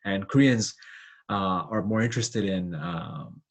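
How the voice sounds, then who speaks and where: A young Canadian man talks casually as a co-host, sharing his experiences with lots of fillers and restarts. His voice is low and unhurried.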